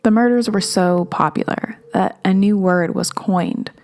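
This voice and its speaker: A woman podcast host narrating a true-crime story in a measured, steady way. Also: mid-range voice.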